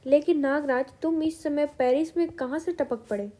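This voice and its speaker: A woman's voice: high-pitched, moderate pace, dark tone, lightly acted. A woman voicing a confident young female chief reporter in a comic story, read plainly.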